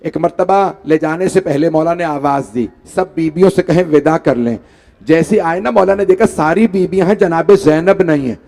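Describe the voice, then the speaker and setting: High-voiced man in a grieving sermon. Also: moderate pace, vocal fry, dark tone. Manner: pleading with the audience, voice rising into wailing lament. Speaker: preacher. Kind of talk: mourning sermon recitation. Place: large hall.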